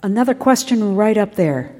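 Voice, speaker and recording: A woman moderating an audience Q&A with brisk, brief prompts. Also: mid-range voice, expressive, warm tone. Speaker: event moderator. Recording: echoey hall with crowd.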